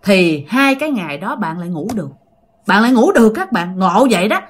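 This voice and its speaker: A woman's voice: mid-range voice, sing-song, a little fast. A woman telling a ghost story in a chatty way, often speaking straight to her listeners. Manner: chatty, addresses listeners directly. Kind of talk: casual ghost story narration.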